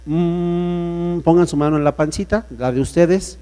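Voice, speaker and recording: With a steady, mellow, clean voice and a slightly slow pace, a man leads a playful public speaking workshop for a live audience. Joking throughout, he shifts his pitch and volume around as vocal demonstrations.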